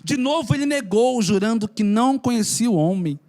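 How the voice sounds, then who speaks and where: High-voiced, lively preacher. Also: male voice, fairly quick. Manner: conversational, emphatic, joking with the congregation. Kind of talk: sermon.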